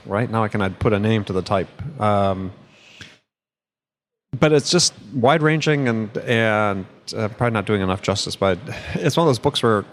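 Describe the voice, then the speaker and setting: A male podcast host in casual talk, rambling with many restarts and chuckles, going hoarse after a long day. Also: lowish voice. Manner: rambling, self-interrupting, chuckles often. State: losing his voice. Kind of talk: casual conversational chat.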